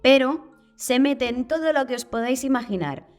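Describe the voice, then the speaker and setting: A woman's voice: sits high, normal speed, a little mellow, faint music behind. Chatty Spanish woman narrating, wry asides. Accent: Spain Spanish. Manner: casual, curious, with wry asides. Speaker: channel host.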